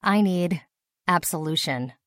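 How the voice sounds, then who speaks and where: A woman voicing a weary, gruff male company executive who speaks slowly and sternly. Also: expressive, fairly bright tone, dry recording, clean studio sound, full character voice. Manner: slow, gruff, low delivery.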